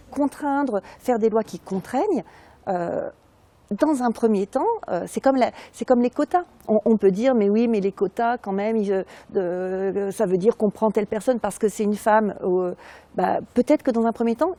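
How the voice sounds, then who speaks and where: A woman sociologist, explaining her research in an interview, pausing often with fillers and restarts. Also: mid-range voice, dark tone, no echo. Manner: hesitant, many fillers and restarts.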